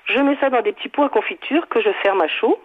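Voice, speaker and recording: A woman calling in to a radio show and explaining a recipe in a halting way, correcting herself as she goes. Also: fairly high pitch, slightly rough. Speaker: caller. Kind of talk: call-in recipe chat. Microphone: telephone. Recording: tinny phone line.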